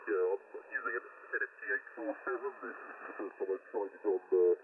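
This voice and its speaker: A man's voice: on the low side, brisk. A man calling in over an off-frequency ham radio link whose audio sounds robotic and distorted, giving call signs and ending turns with "over". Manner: brief call-sign procedure, ends turns with "over". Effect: mistuned, off-frequency ham radio audio that sounds robotic. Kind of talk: amateur radio contact. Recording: tinny distant ham radio signal with loud static.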